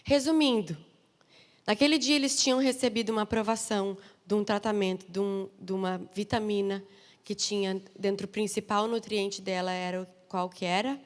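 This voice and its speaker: A woman missionary preacher with a Brazilian Portuguese accent, delivering a sermon with lively, humorous storytelling and emphatic asides. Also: medium pitch, moderate pace. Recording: long reverb of a large hall.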